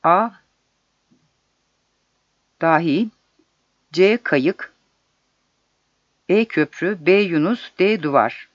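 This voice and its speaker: A man with a high voice reads exam questions and their solutions aloud in a measured, deliberate way. The recording is dull and lo-fi and very dry, with no room sound at all. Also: expressive, no echo. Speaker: exam prep narrator.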